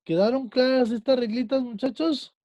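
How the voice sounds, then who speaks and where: A patient teacher leads an online class, slowing and stretching words to explain. His voice is very dark and mellow, recorded dry and close on a computer mic. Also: extremely high pitch, fairly even intonation, dry recording.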